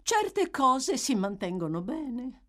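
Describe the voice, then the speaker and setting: A cold, calculating matron haggles in a high, cutting voice, as a woman reader puts her on. She stays calm and unyielding, every word sharp and deliberate. A storybook reading, acted with lively swings in tone. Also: exaggerated voice. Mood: ominous. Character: shrewd, cold-blooded middle-aged matron bargaining.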